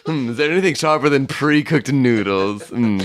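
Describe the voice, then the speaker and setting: A man in a casual read-aloud podcast, laughing easily and cracking jokes between flubbed lines. His voice sits at an ordinary middle pitch. A clear hiss of background noise runs under the recording. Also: animated, moderate pace. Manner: giggly, joking, stumbles over words. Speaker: podcast co-host and reader. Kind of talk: casual outtakes banter while reading a book aloud.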